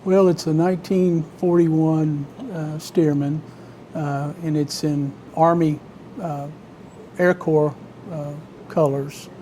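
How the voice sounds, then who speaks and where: A man with a Southern US accent from Alabama, telling stories conversationally as an interview guest, in a halting, measured way with frequent pauses. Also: on the high side, fairly even intonation, mellow, a little hiss or hum, low-quality recording. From Alabama, United States. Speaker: interview guest, vintage biplane owner and pilot.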